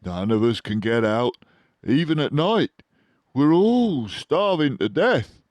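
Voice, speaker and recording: A man voicing a frantic, starving, grumbling adult male badger in a children's storybook, excitable and full of despair. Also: mid-range voice, no room sound, pitched above the performer's own voice. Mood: agitated. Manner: excitable, despairing, drawn-out exclamations.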